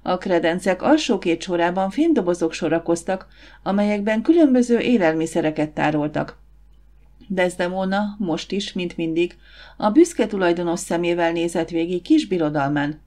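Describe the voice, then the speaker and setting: A woman narrating an audiobook in a measured, steady way. Her voice sits slightly low for a woman. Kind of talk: scripted narration.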